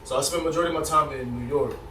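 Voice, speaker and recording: A young man from Haiti talks quickly and easily as a podcast guest, his voice sitting a little high for a man. The mic is some way off, leaving the sound roomy and echoey, with clear room noise underneath. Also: far from the mic. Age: 20s. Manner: laid-back, laughs often. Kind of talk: casual chat.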